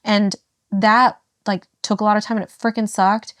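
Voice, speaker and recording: A young woman speaking as a podcast guest in a candid personal conversation, emotional and halting, full of fillers and restarts. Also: medium pitch, level tone, no echo, studio quality.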